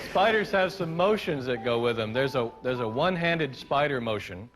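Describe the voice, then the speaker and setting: A man's voice: mid-range voice, animated, normal speed, fairly bright tone. A man giving a live storytelling talk on stage, playful at times and reflective at others. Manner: playful, leads the audience in gestures and song; reflective, builds to earnest points. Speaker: storyteller and speaker. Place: stage before a live audience.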